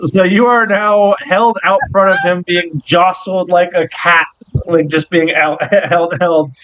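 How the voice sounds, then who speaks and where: Joking game master with a fairly high voice. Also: male voice, fairly even intonation, measured pace, fairly bright tone, no room sound. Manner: laid-back, joking, swears often. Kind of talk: narrating a tabletop game. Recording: dull, dry recording.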